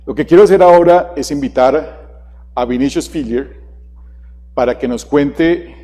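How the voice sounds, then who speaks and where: Speaking at a measured pace in a warm, fairly high voice, a man gives a keynote presentation and asks the audience questions. He's in a large conference hall, and the recording carries long hall reverb.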